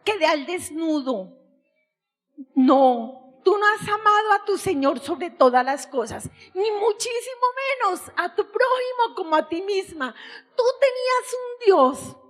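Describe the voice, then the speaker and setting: A woman voicing a calm, stern divine voice that judges her, firm and measured. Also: very high voice, heavily acted.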